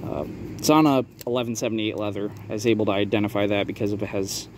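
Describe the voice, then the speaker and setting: A man giving a casual, explanatory product showcase for a video, talking in a halting, hedging way. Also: fairly low pitch, fairly even intonation. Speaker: maker showing a handmade prop replica for sale. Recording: clear background ambient noise.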